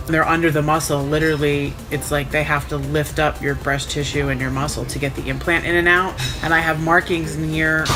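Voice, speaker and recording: Casting: woman with a low voice, frank and sardonic storyteller, sore and recovering post-op, music underneath. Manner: frank, wry, sarcastic. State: sore and recovering a day after surgery. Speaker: vlogger recounting own surgery. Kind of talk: casual first-person storytelling.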